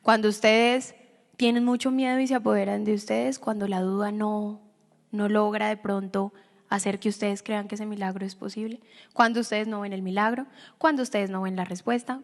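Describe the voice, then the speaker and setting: A woman pastor preaching a sermon, swinging from loud emphatic lines to hushed whispers. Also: mid-range voice, steady tone, moderate pace. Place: church sanctuary. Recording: long reverb of a church hall.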